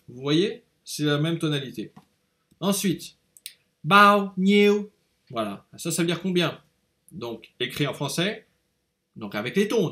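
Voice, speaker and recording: A man teaching a language lesson, patiently explaining and repeating words aloud to show each tone. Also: medium pitch.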